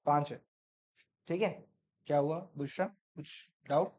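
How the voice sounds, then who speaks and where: A man's voice: on the high side, unhurried, darkish tone, muffled recording. Hindi-speaking man drilling an accounting class. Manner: drills points in numbered lists, quizzing students; mixes English terms into Hindi. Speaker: accounting teacher. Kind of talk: classroom revision lecture.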